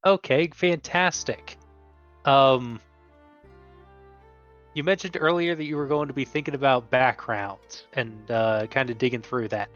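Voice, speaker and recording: A man's voice: medium pitch, measured pace, pauses often, a bit bright, faint music behind. A man acting as game master, explaining a homebrew tabletop setting in a casual, hesitant way with profane asides. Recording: dull lo-fi mic, dry.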